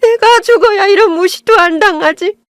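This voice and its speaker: A woman reading as a shrieking older mother-in-law in a radio drama, her voice climbing high and sharp as she berates her daughter-in-law. The sound is dry and close, with no room around it. She turns from scolding to wailing self-pity. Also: normal speed, no echo.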